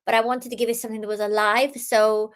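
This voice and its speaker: A young woman gives a talk on innovation, her voice pitched a touch high. She speaks earnestly, stumbling over restarts and leaning on filler ums as she explains her ideas. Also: level tone, fast. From Iran, raised in the UK. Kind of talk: talk presentation.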